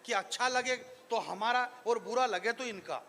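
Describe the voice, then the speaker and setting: A man's voice: very high-pitched, normal speed, very noisy. A man from Marwar performing as a stage poet, mixing joking asides with rising declamation at a live event. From Marwar, Rajasthan. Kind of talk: live poetry recital with banter. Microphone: stage microphone.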